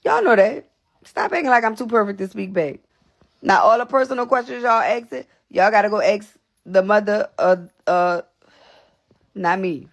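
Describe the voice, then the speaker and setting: A woman's voice: mid-range voice, expressive, moderate pace. A young woman talking casually and bluntly to livestream viewers. She swears, repeats herself, and sounds out of breath. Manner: blunt, repetitive, profane. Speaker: livestream host.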